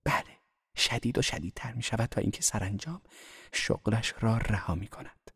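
A man reading an audiobook, voicing a playful young woman who speaks in hushed, breathy tones. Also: on the low side, no room sound, studio quality, exaggerated voice. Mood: gossipy.

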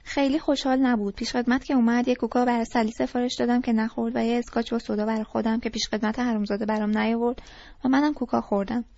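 A woman's voice: on the high side, level tone, warm tone, no room sound. Woman narrating a novel, dull lo-fi sound. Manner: conversational storytelling. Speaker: audiobook reader. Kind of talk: first-person novel narration. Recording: dull lo-fi recording.

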